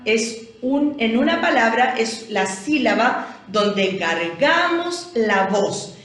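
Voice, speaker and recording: A woman with a Chilean accent, a teacher explaining a lesson who often asks her listeners "¿cierto?". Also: fairly high pitch. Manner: explanatory, keeps asking "¿cierto?". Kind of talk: recorded language lesson review. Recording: echoey room, voice from far off.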